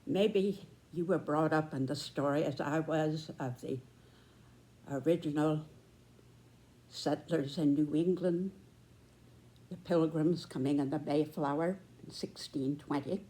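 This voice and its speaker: Casting: American woman, 90s. Deep for a woman, unhurried and deliberate, pausing often, earnest commentary. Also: mellow. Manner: deliberate, measured, with pauses between short phrases. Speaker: speaker giving a personal commentary.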